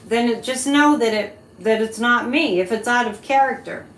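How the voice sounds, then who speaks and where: A woman with a slightly high voice chats casually as a live-stream host. She talks straight to her viewers in a loose, conversational way. The room is distinctly echoey, with faint background noise. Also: normal speed. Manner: conversational, addresses listeners directly. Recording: roomy echo, background noise.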